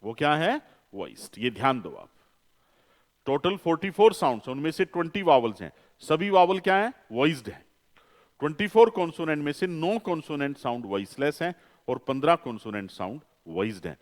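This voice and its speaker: Lively, repetitive Hindi-English phonetics teacher. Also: male voice, fairly high pitch, fairly quick, in a large hall. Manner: asks questions and answers them himself, repeating key terms; mixes English phrases into the lecture. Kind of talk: classroom lecture.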